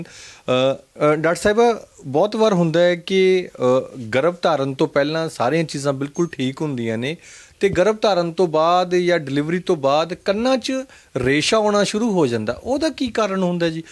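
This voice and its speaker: A man's voice: fairly high pitch, animated, moderate pace. A man hosting a health interview, who gives short acknowledgments and asks the guests questions. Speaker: host.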